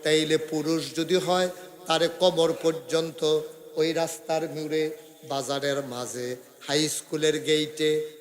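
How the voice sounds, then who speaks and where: A man preaching a waz sermon, chanting melodically and swelling from soft murmurs into loud, stretched, high cries. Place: outdoor religious gathering.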